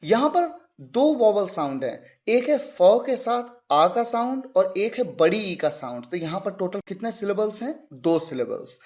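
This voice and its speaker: Male grammar teacher, animated and up-and-down delivery, quizzes then answers himself, spells out words. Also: high voice, normal speed, hardly any pauses. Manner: poses questions and answers them himself. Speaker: English teacher. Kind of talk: grammar lesson.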